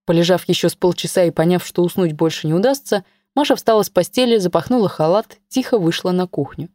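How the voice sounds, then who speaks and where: A woman reading a story aloud as narrator, calm and even. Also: lowish voice, fast, no room sound, clean studio sound. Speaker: audiobook narrator. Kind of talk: scripted narration.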